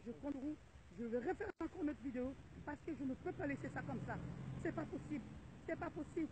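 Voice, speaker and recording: A woman's voice: sits high, animated, brisk. A middle-aged woman making an indignant, rallying video appeal to viewers, repeating her calls again and again. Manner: indignant, repetitive, rallying cries. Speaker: vlogger addressing viewers. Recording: tinny phone-like audio with faint noise.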